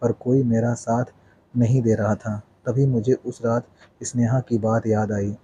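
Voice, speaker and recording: A male storyteller reads a scripted first-person family tale in a level, unhurried way. His voice sits dark and mellow with little rise or fall, and a faint hiss lies under the recording. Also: medium pitch, little pitch movement, dull audio.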